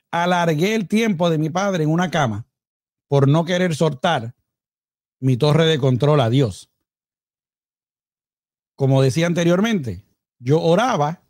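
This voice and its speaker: A man giving an informal, conversational sermon, talking to a co-host and slowing down to read scripture. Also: fairly high pitch, darkish tone, no room sound, clean studio sound. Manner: conversational, addresses co-host by name; reads scripture slowly and deliberately. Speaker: preacher.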